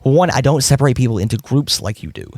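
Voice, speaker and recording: A man from Kentucky argues back in a live debate and leans hard on each point. His pitch rises and falls widely as he presses his case. The recording is dry and close. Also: big pitch swings, fast, darkish tone, dry recording. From Kentucky, USA. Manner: emphatic, argumentative. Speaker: debate guest.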